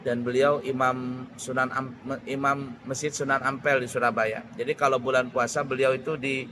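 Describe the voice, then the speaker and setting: A man giving a religious lecture at an Islamic boarding school, unhurried and searching for words, often restarting. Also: medium pitch, level tone, background noise. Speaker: preacher.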